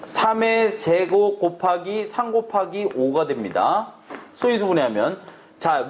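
A man's voice: high voice, a little hiss or hum. A man teaching math to a classroom, brash and teasing, swearing at students in a casual way. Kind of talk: classroom lecture.

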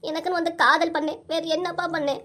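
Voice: very high voice, steady tone, fast talker, pushed and bright. A woman voicing a defiant young daughter. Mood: pleading. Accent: southern Tamil. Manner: pleading, then firmly defiant. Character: young adult daughter, defiant over her love match.

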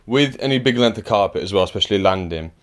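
Indoors at a house he's rewiring, an electrician chats dryly and casually for a work vlog, explaining each step as he goes. His voice is on the low side and expressive, he talks fast, and he sometimes sounds winded. There's a faint hiss or hum in the recording.

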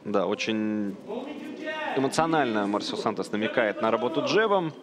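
A man's voice: on the low side, expressive, moderate pace, crowd noise. A man giving live fight commentary.

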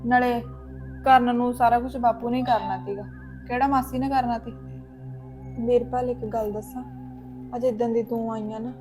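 An actress playing a young daughter-in-law who complains in a tired voice. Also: female voice, fairly high pitch, dark tone, lightly acted.

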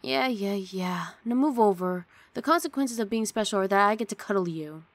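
Close to a dry studio mic, a woman with an expressive mid-range voice speaks at a normal pace in her natural voice. She plays a grumpy yet affectionate young roommate in an intimate, one-sided ASMR roleplay, sounding sardonic, huffy and teasing.

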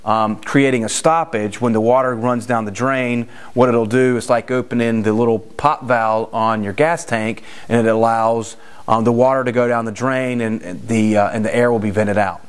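A man's voice: mid-range voice, steady tone, moderate pace, smooth. A man in his forties, a general contractor, casually explaining work on site in an unfinished house, with frequent restarts and fillers. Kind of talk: on-site construction walkthrough. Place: unfinished house interior with bare stud walls.

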